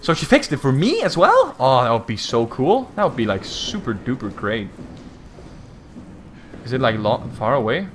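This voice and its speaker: A man hosting a let's play, giving excitable gameplay commentary with swearing and loud reactions to scares. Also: medium pitch, normal speed, slight background noise.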